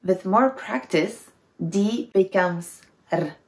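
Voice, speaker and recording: Patient woman teaching pronunciation, slow. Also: medium pitch, darkish tone, roomy sound. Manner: slow, patient demonstrations with repeated syllables. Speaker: Czech language teacher. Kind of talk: pronunciation lesson.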